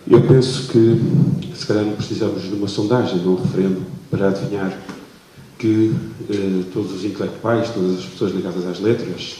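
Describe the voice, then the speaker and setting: A man's voice: low voice, steady tone, a little fast, dark tone. A man with a European Portuguese accent, asking a long question from the audience at a public talk and hesitating often, heard without a microphone. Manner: hesitant, many fillers and restarts. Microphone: no microphone, far from the recording mic. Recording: very echoey hall recording with faint noise.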